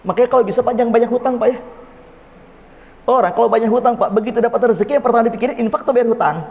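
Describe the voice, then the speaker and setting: In a lo-fi recording with a mosque hall's long reverb, a man with a very high, gravelly voice delivers a rapid-fire sermon. He keeps it folksy and joking, repeatedly calling out to the audience as "Pak".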